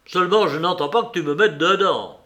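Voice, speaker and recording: A man voicing a mocking, relentless blackmailer who jeers and presses his demands loudly. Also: high-pitched, brisk. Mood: scheming. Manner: raised, jeering, emphatic.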